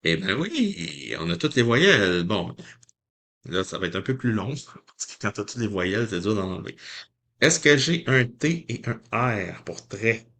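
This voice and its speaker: A man's voice: lowish voice, lively intonation, moderate pace, a bit bright. A man with a Québécois French accent, chatting casually to viewers as he scratches lottery tickets and reads the letters out one by one.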